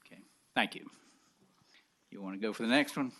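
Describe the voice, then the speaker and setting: A man's voice: fairly low pitch, fairly quick, pushed and bright. A man chairing a legislative committee hearing, running votes and motions in a procedural, matter-of-fact way.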